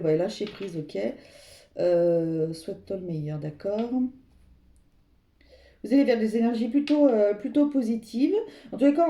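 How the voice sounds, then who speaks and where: Fields: Sex: woman. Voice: very dark, mellow. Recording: echoey room. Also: mid-range voice. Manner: meandering, searching for words, addresses viewers directly. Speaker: tarot reader. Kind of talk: tarot card reading to viewers. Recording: roomy echo.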